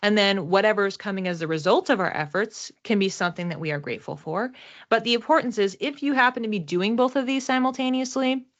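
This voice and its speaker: Speaking fast in a mid-range voice, a psychic reader explains a card reading to her camera audience in a relaxed, reflective way, stressing key words. The audio is dull.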